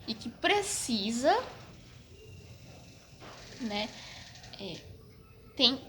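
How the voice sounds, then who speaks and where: A young vlogger, her accent Brazilian Portuguese, gets very animated as she casually tells a personal story to camera, drawing out words in a fairly high, fairly bright voice. She's frank but hesitant, restarts often, and coughs slightly; a little hiss or hum is audible.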